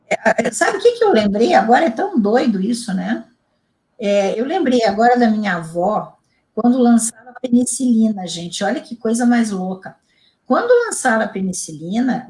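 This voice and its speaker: Lively woman telling stories. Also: on the high side. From Rio Grande do Sul, Brazil. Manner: animated, emphatic storytelling with repetitions. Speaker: integrative therapist guest. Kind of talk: casual interview chat.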